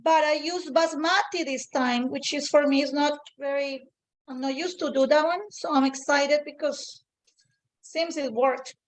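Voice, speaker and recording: A woman's voice: sits high, fairly even intonation, unhurried, poor audio. A native Spanish-speaking woman with a Colombian accent hosts a casual cooking demonstration, chatting informally and repeating phrases for emphasis. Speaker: cooking show host, home cook.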